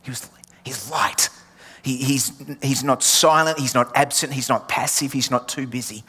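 A man of medium pitch preaches at a moderate pace, his tone bright, forceful and a touch rough. The pastor, born in England and speaking with an Australian accent, uses emphatic repeated refrains that sometimes sink to a near whisper. Long hall reverb fills the recording.

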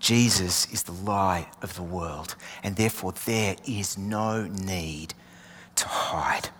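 Deep and slow, yet fairly bright in tone, this pastor's voice comes with a little hiss or hum. An England-born man with an Australian accent, he preaches using emphatic refrains that occasionally drop nearly to a whisper. The recording has a long hall reverb.

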